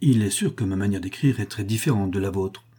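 A proud young gentleman, cool and measured , read by a man. The tone is mellow and dark with a husky edge. He speaks in short, reserved phrases in an audiobook. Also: lowish voice.

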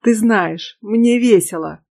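A woman's voice: medium pitch, takes it slowly, vocal fry, darkish tone. A woman reading as a reckless, flippant young man. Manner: flippant, cheerful. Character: reckless young man, defiant elder brother.

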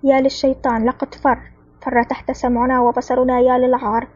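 A woman's voice: on the high side, fairly even intonation, fast talker, creaky, mellow, breathy edge, no room sound, lo-fi sound. A woman reading the lines of a sly, mocking male mafia lieutenant in an audiobook. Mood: alarmed. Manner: sneering, later panicked.

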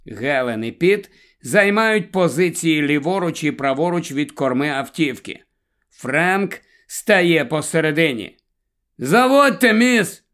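A man narrating a story aloud in a measured, unhurried way. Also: a little high, lively intonation, fairly bright tone. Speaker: audiobook narrator. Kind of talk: scripted narration.

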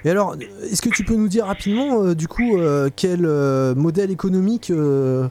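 A man's voice: high voice, darkish tone, slight background noise. A man hosting a radio interview, asking questions hesitantly with many fillers. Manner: hesitant, fills pauses with euh while asking. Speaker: radio host.

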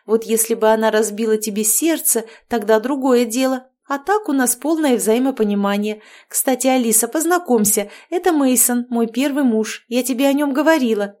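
A woman's voice: fairly high pitch, normal speed, few pauses, a little mellow, natural voice. Woman playing a gushing, pushy witch mother-in-law. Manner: effusive and bubbly, steamrolling over others.

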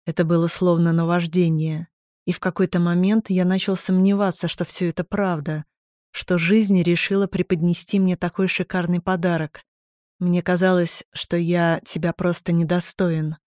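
A woman's voice: lowish voice, flat delivery, moderate pace, no room sound, clean studio sound, close to an everyday voice. A woman reading as a remorseful young lover. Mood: tender, remorseful. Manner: quiet earnest confession. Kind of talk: audiobook character reading.

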